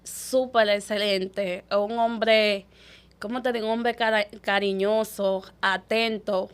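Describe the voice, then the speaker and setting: A young woman, telling her life story as an interview guest, quick and animated, acting out the people she quotes. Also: medium pitch, clear, resonant tone. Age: young adult. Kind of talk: emotional personal storytelling.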